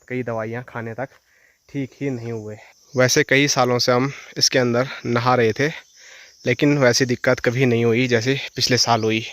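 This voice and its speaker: A man's voice: medium pitch, a little hiss or hum. A man chatting to his viewers while walking outdoors in a forest. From Himalayan hills of northern India. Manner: chatty, addresses viewers directly. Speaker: village vlogger. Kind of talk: casual walk-and-talk vlog. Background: insects and rural outdoor sounds.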